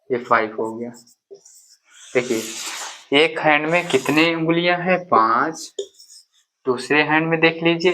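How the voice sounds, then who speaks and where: A man teaching basic math to young children. He talks patiently and keeps checking that the class is following. He counts aloud slowly, one number at a time. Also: on the high side, a bit bright, poor audio. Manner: patient, repeats "ठीक है" and "देखिए" often.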